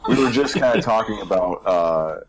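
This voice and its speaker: A man's voice: fairly low pitch, expressive, moderate pace. A man in casual chat, thinking aloud and rambling with frequent restarts as he talks through theories. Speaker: co-host of a game discussion stream.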